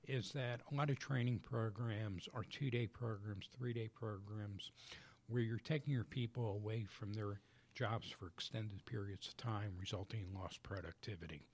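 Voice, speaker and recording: A man guest on a business radio show in a studio, explaining his coaching work in a measured, methodical way. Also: fairly low pitch, steady tone. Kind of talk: radio interview answers.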